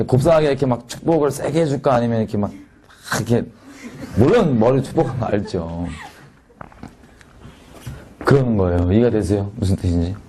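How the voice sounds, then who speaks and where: A man from Korea preaching a sermon in a conversational, animated way, swinging from loud peaks to quiet asides. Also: medium pitch, a little fast, pauses often, slight background noise.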